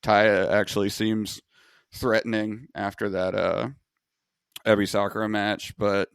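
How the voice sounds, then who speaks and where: A man's voice: on the low side, little pitch movement, a little slow, gravelly, clean tone, no room sound, clean studio sound. A man from Long Island, hosting a casual wrestling podcast chat, joking and swearing freely. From Long Island, New York. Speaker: podcast host.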